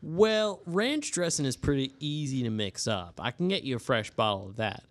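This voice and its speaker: A man's voice: medium pitch, expressive, moderate pace, lightly acted. A man voicing a bald old human farmer in his seventies, with a folksy country drawl and wry, sarcastic asides, during a tabletop game. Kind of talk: tabletop role-play voicing.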